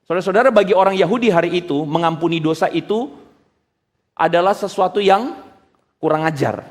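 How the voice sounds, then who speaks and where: A man preaching as a pastor, animated, asking his listeners questions and acting out the people he quotes. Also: sits high, fairly quick, big-room sound. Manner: animated, acts out quotes in voices; addresses listeners directly, asks questions. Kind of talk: preaching to a congregation.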